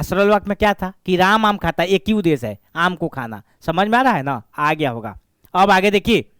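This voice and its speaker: A man's voice: high-pitched, smooth, dry recording, clean studio sound. A man teaching a grammar lesson, repeating points and asking and answering his own questions.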